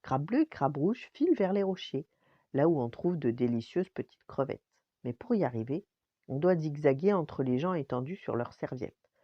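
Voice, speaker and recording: Grand-mère conteuse, voix grave et expressive. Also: female voice, sits low, husky, dry recording, lo-fi sound. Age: older. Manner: lively, expressive reading. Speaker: storyteller grandmother. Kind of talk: bedtime story narration.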